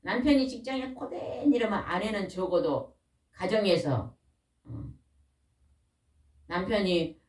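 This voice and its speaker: A middle-aged woman preaching a sermon in a small church. She questions the congregation and waits for answers, and she slows down to stress key words. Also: medium pitch, a little mellow. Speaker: pastor's wife preaching. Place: small church or worship room. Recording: roomy echo, voice from a distance.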